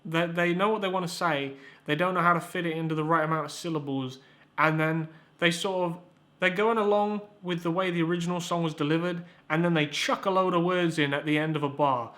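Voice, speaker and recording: A young man's voice, highish and a touch bright, comes across steady and brisk as he hosts a comedic YouTube review. Expect rambling sarcasm, stammered restarts, and easygoing swearing.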